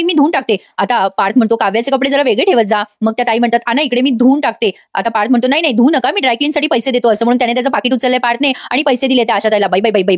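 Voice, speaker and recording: A woman's voice: a little high, no room sound, studio quality. A woman recapping a TV serial episode in casual chat, acting out the characters' lines and teasing her viewers. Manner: chatty, acts out the dialogue, teasing asides to viewers.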